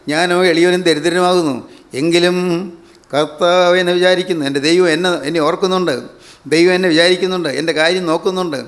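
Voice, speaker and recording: An older man preaching a sermon with a Malayali accent, in a fervent, repetitive cadence full of hallelujahs. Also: sits high.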